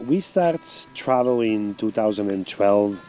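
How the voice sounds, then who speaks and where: A man with an Italian accent, from Italy, speaking halting, simple English with many fillers in a casual interview outdoors by a camper van. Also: lowish voice, animated, dark tone, faint music behind. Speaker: interviewed traveler.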